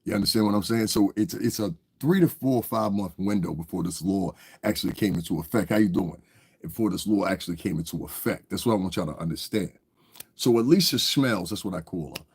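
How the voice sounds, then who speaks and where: A man with a deep, husky, darkish voice and vocal fry talks fairly quickly on a livestream, stuffy from a cold. His commentary rambles casually, aimed straight at viewers, and he keeps asking "you understand".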